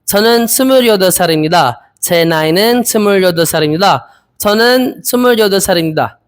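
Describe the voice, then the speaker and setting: A man's voice: sits high, animated. Young man practicing Korean answers. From Philippines. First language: Filipino. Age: 20s. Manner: hesitant, repeats each phrase slowly. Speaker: Korean language learner. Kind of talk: practicing interview answers aloud.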